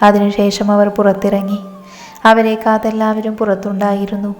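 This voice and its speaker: Calm woman narrating a story. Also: medium pitch, normal speed. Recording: reverberant with background music.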